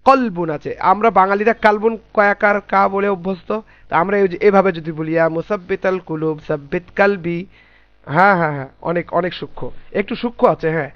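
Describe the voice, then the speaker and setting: A man teaching Quran letter pronunciation in a class, patiently spelling out sounds slowly and repeating them. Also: high-pitched, no echo, dull audio.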